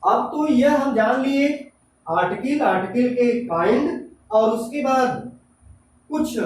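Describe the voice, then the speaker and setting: A man teaching an English grammar lesson, explaining step by step and asking himself questions, then answering them. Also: very high-pitched. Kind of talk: classroom-style grammar lesson. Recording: echoey room, voice from a distance, faint noise.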